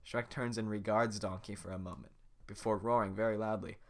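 A man's voice: on the low side, fairly even intonation, fairly quick. Joking man reading a script aloud. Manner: joking, offhand. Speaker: podcast host. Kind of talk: casual script reading with asides.

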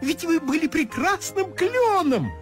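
A woman voicing a cheerful, excitable little female tit bird who chatters fast and squeaky. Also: faint music behind, exaggerated voice. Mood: excited.

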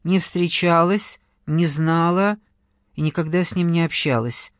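A man's voice: on the high side, fairly even intonation, measured pace, no echo, clean studio sound, natural voice. A man voicing a young woman on the phone, curt and brusque, plainly exasperated with the caller. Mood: dismissive. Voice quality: clipped, brusque. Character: sharp-tongued young woman, hostile then grudging.

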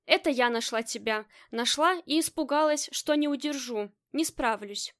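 A woman's voice: sits high, normal speed, close to an everyday voice. Woman reading as a wry tough gang boss woman. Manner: dry, mock-stern.

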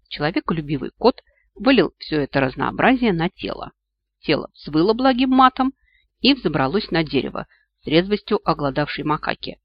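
Animated audiobook narrator, dull dry sound. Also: mid-range voice, breathy edge. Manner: animated, expressive. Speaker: audiobook reader. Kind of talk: audiobook narration, comic fantasy.

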